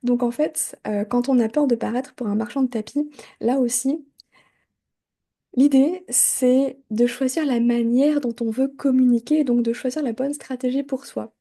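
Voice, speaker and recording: Middle-aged woman, solo podcast host, chatty and animated, asides and fillers, fairly high, very mellow tone. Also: moderate pace. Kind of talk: casual solo podcast talk.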